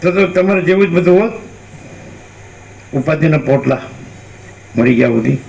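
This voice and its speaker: Gravelly-voiced man giving a spiritual discourse. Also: fairly high pitch, animated, a little mellow, lo-fi sound. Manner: unhurried, repetitive, asks listeners rhetorical questions. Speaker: spiritual teacher.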